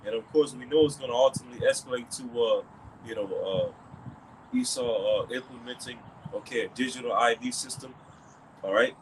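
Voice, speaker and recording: A man talking through a religious commentary in a middle-pitched voice. He rambles, circling back with "okay" and "all right" between thoughts. A faint hiss sits under the recording. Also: fairly quick.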